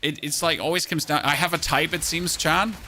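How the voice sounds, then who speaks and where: In a high, bright voice with a forceful tone, a man streams a game and talks casually to viewers at a fairly quick pace and fairly even intonation. His speech rambles, with words repeated as he restarts sentences, over slight background noise.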